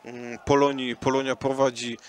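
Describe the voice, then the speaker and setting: A man commentating football highlights in a measured way, with many hesitation fillers, lifting his voice at goals and chances. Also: little pitch movement, background noise. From Poland.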